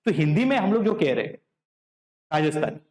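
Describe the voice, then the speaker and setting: A man's voice: fairly high pitch, big pitch swings, brisk, darkish tone, reverberant. A man from Vidarbha, giving a classroom lecture in Hindi mixed with English and checking with the class all the time whether they are following. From Vidarbha, Maharashtra. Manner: checks in with the class often, asking "correct?" and "clear?". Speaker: teacher.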